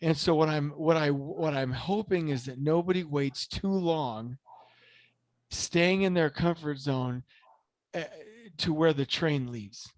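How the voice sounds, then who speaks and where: Brief: male podcast host, slightly high voice, earnest and rambling, dry close sound. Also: takes it slowly, a little mellow, no echo. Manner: earnest, rambling, with many restarts and fillers; grows impassioned and emphatic. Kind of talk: casual motivational podcast talk.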